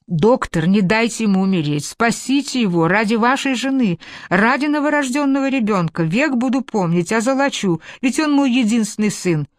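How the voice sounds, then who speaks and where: A woman's voice: animated, moderate pace, few pauses, dry recording, clean studio sound, close to an everyday voice. A woman reading aloud voices a hysterical, domineering general's wife in an overwrought, raised tone. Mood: pleading. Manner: shrill, overwrought, raised pitch.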